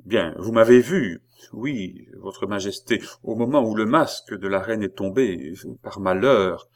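Guy reading a devoted young courtier, low voice, gushing. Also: lively intonation, unhurried. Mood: fervent. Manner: fervent, flowery devotion.

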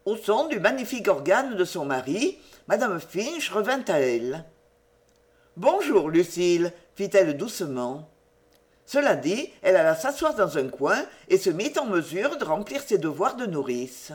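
Audiobook reader telling an old novel, lots of pitch movement, expressive. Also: moderate pace. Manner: expressive storytelling, varied delivery. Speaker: audiobook narrator. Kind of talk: scripted literary narration.

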